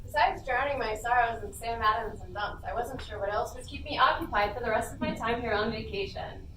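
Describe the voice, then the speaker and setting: A woman who is a panelist and writer reads her own humorous story aloud, playful, casual and amused, before a small audience in a convention panel room. Her voice is on the high side and fairly quick, and the recording is noisy, echoey and distant-miked.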